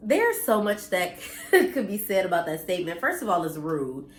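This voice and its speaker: An American vlogger in her thirties talks straight to camera from home, earnest and blunt, a bit preachy, swearing now and then. Her voice sits low with wide pitch swings at a normal speed, sounding slightly nasal and congested from allergies in a roomy space.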